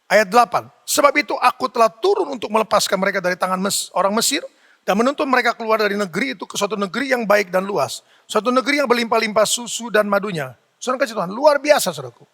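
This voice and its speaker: Fervent high-voiced preacher in a reverberant hall. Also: male voice, animated, fast talker, vocal fry, sharp tone. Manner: fervent preaching, repeating the address to the listeners. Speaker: pastor. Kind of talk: sermon. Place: church hall. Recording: church sermon with long hall reverb.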